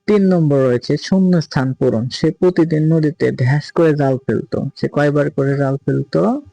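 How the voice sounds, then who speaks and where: A man explains a classroom lesson, pausing to repeat each word slowly so pupils can copy it. His voice sits a little high yet sounds mellow and relaxed. The recording is dry and close, with no room echo. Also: gravelly. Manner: slow, careful pronunciation drills, repeating words. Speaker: teacher. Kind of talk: reading and explaining a textbook lesson.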